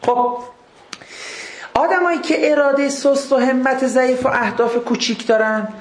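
Guy giving a casual religious talk, high voice, lots of rhetorical questions, echoey room. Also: fairly even intonation. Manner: conversational, rhetorical questions and jokey anecdotes. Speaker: religious speaker. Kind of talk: informal religious lecture.

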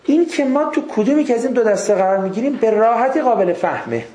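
A man's voice: very high voice, very animated, warm tone. A man giving an informal religious lecture, conversational, with rhetorical questions and jokey anecdotes. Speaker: religious speaker. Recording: echoey room.

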